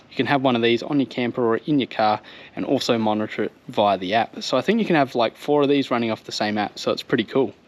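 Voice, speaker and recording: A vlogger in his thirties with an Australian accent reviews vehicle gear in a casual, explanatory manner, speaking to viewers outdoors by a vehicle on a home driveway. His mid-range voice comes through on dull audio.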